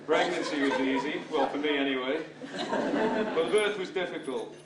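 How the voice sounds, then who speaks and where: Over a noisy crowd, a slightly high-voiced British man, middle-aged or older, speaks at a moderate pace as father of the bride, lacing his speech with wry, dry wit. It's captured on a distant microphone in a roomy space, where room noise and guests' laughter are plainly heard.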